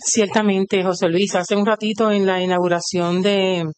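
A woman's voice: medium pitch, level tone, normal speed, darkish tone, smooth. A woman with a Puerto Rican accent, a cooperative leader being interviewed, proudly listing things in rhythmic runs. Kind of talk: on-site interview.

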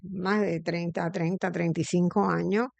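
Middle-aged woman hosting, thinks out loud with lots of ehs, dry close sound. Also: lowish voice, flat delivery, measured pace, gravelly, no room sound, dull audio. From Puerto Rico. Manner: reflective, thinks aloud with frequent fillers. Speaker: interview host. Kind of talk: conversational interview.

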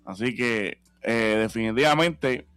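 A man's voice: medium pitch, unhurried, fairly bright tone, clean tone, dry recording. A man, co-hosting a casual sports radio show. He steers the talk with prompting questions and repeats himself for emphasis. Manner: conversational, repetitive, prompting.

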